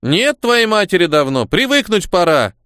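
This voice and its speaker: Stern elderly grandma, played by a male reader, raised pitched and clipped, no room sound. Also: very animated, normal speed, fairly bright tone, clear, resonant tone, no room sound, studio quality. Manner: scolding, curt, commanding. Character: stern old grandmother, a retired chief surgeon.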